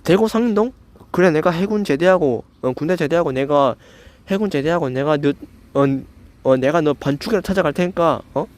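An expressive young man at normal speed, his voice a little high with a darkish tone, angrily lays into a commenter. As channel host he stammers, slurs slightly, swears confrontationally, and repeats "eo" constantly.

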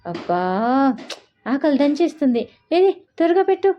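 A woman's voice: high voice, big pitch swings, a little slow, soft background music, voice pushed up. A woman narrator voicing a bossy, short-tempered young husband who scolds and barks orders, in a storybook reading. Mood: hungry. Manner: scolding, commanding, shouting. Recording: dull lo-fi recording.

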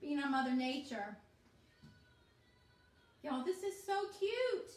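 On a livestream, a woman excitedly unboxes essential oils, chatting casually in a high, slow voice. A phone camera records her from across the counter, so she sounds distant in an echoey home kitchen.

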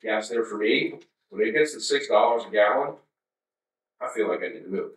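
A man's voice: fairly low pitch, fairly quick. A man in his fifties giving a conversational conference keynote, with wry asides to the audience. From United States. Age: 50s. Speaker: keynote speaker. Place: large darkened conference hall. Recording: roomy hall sound from a distance.

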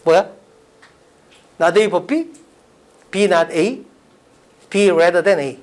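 A man's voice: high-pitched, extremely slow, darkish tone. A man teaching an English class in a casual, blunt way, quizzing students by name. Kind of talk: classroom lecture.

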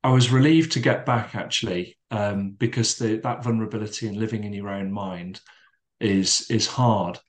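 A middle-aged man talks in a calm, measured way as a podcast guest, his voice sitting a little low. He circles back on his words, with plenty of fillers, as he reflects. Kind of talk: reflective storytelling in conversation.

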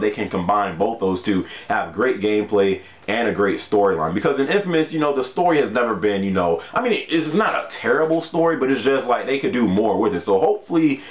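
Laid-back male gaming vlogger, echoey room. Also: lowish voice. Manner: laid-back, laughs often, many fillers like "you know". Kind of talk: casual talk to camera.

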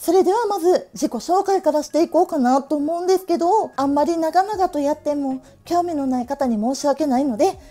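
A cheerful woman in her late thirties talks to her viewers in a very high voice with a Tokushima Awa-dialect accent, laughing easily between her remarks. Her tone is soft and mellow, and light music plays faintly behind her. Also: brisk, few pauses. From Tokushima, Japan. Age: late 30s. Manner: cheerful, chatty, laughs often. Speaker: stationery vlogger. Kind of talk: casual chat to camera.

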